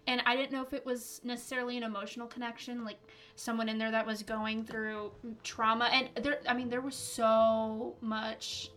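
Young woman, bright forceful tone, slightly high pitch, casual storytelling, colloquial and emphatic. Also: little pitch movement, moderate pace. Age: young adult. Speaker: podcast guest.

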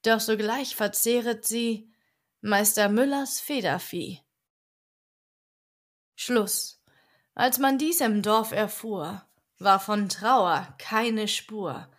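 A woman reads rhymed verse at an unhurried, lulling pace, the way one reads a story to help someone fall asleep. Her pitch sits in an ordinary middle register, and she lets each couplet settle gently. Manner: slow, soothing rhymed recitation. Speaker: audiobook reader. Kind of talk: bedtime storybook reading.

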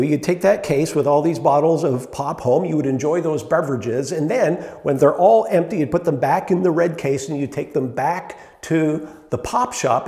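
A middle-aged man preaches in a conversational style, tossing questions to his listeners and pausing on fillers. His voice sits a little high yet sounds mellow and warm. The room carries a long, echoing reverb. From Canada. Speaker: pastor. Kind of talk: sermon. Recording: echoey hall with long reverb.

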